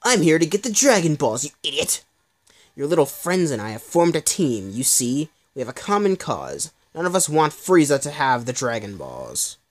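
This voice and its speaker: Game fan dub: arrogant rival prince, condescending and low, voiced by a woman. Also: sing-song, moderate pace. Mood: smug. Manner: sneering, condescending.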